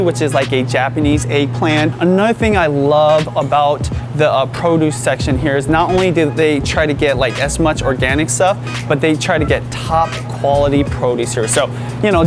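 A man in his thirties hosting an enthusiastic grocery store tour vlog, talking straight to camera on a lapel mic. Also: a little high. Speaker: vlog host. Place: indoor supermarket aisles, some shots outside.

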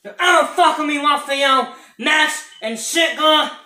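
A woman's voice: sits high, slow. A woman hosting an improvised comedy skit, exasperated and swearing a lot, repeating herself. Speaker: host of a homemade comedy skit show. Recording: loud background noise.

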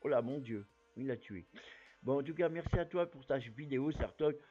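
A man chatting casually as a YouTuber, rambling with plenty of fillers while giving shout-outs. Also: medium pitch, animated, moderate pace, slightly rough, highs cut off, soft background music. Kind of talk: casual chat.

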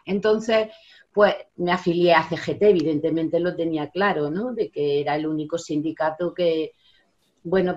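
A low-pitched woman in her sixties, a special education teacher and union member, is a guest on a casual video-call interview, rambling with lots of fillers and tag questions. She sits in a home study lined with bookshelves, and her laptop webcam yields dull, lo-fi audio.

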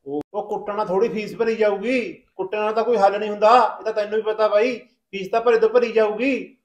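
A man playing an uncle who tries to reason with a drunk relative and calm a family quarrel. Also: high-pitched, fast, muffled recording, natural voice. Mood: placating. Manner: reasoning, placating. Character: meddling uncle trying to keep the peace. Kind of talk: village short-film acting.

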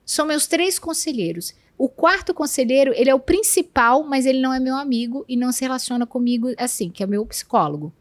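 A woman's voice: sits high, animated, quick pace, hardly any pauses, dry recording. A Brazilian woman in her thirties, a guest on a podcast, who explains her points emphatically and lists them one by one. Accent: Brazilian Portuguese. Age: 30s. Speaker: podcast guest, communication professional. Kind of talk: casual podcast conversation.

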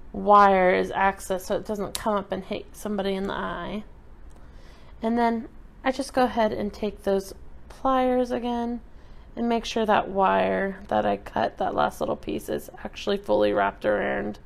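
A woman giving a relaxed, chatty step-by-step craft tutorial while she works with her hands at a table indoors. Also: mid-range voice, vocal fry. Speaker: craft instructor.

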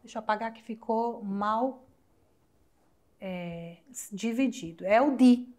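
Young adult Brazilian woman, school teacher on recorded lesson, chatty and warm toward students, slow word-by-word drills. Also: a little high. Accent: Brazilian Portuguese. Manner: affectionate, chatty, asks rhetorical questions and answers them; spells out words slowly syllable by syllable. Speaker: Spanish teacher. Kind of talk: recorded online class explanation.

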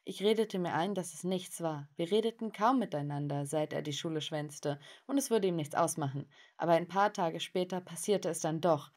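A woman narrating a scripted, animated first-person story in a lively way. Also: fairly low pitch, normal speed, few pauses.

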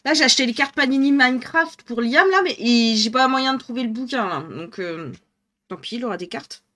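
A woman's voice: fairly high pitch, lively intonation, a little fast, bright, forceful tone. A woman with a northern French accent streaming live, chatting casually and thinking aloud as she colours, laughing often. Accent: northern French (ch'ti).

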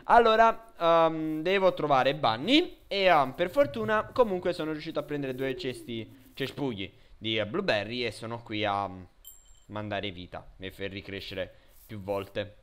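Guy doing a let's play, slow talker, jumps from yelling to grumbling. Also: clean tone. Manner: excitable, swinging between loud shouts and low grumbling. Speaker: gamer.

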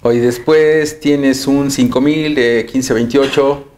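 A woman's voice: very deep voice, steady tone, slow pace, darkish tone. A woman interviewing a runner, reading off race results between brief affirmations. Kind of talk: casual interview.

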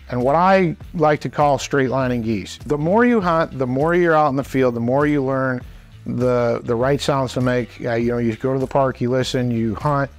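Man in his forties, medium pitch, informal instructor, plain-spoken, folksy explaining, faint music underneath. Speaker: instructor and presenter. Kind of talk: informal instructional talk to camera. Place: small indoor wooden workshop.

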